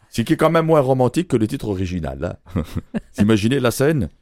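A man's voice: mid-range voice, very animated, normal speed, warm tone, no echo, studio quality. A man giving a humorous radio chronicle, teasing and joking, laughing between his lines. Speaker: radio columnist.

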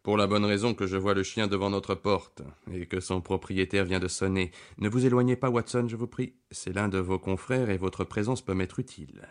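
A man's voice: low-pitched, steady tone, moderate pace, hardly any pauses, natural voice. A man voicing a self-assured, lecturing detective. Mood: commanding. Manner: confident, deductive, lecturing.

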